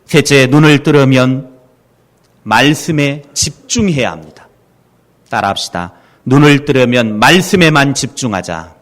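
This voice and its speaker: A man preaching a sermon as pastor, animated, leading the congregation in repeating phrases. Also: mid-range voice, unhurried.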